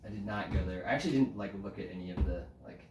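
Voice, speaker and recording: A man with a lowish voice, a podcast guest from the United States, recounts his story casually and with a lively, laughing energy. He sits a little off the microphone in a roomy space. Faint background noise sits under the voice. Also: very fast, recorded from a distance, music in the background. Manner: animated, often laughing, frequent "like" fillers. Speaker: podcast guest, climbing route setter.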